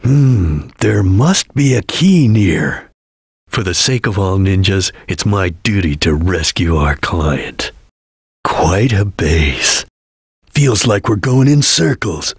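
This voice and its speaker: Espio the Chameleon, husky ninja. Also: male voice, deep voice, expressive, no room sound, clean studio sound, heavily acted. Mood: solemn, watchful. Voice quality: husky, gravelly. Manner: terse, solemn, deliberate, formal. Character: serious, vigilant male ninja chameleon. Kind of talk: English video game voice acting.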